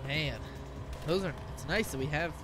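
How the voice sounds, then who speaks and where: A man's voice: on the high side, normal speed, noisy background. Young man laughing through gameplay. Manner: chatty, reactive, keeps saying "oh man" and laughing. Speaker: gaming commentator. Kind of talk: casual let's-play commentary.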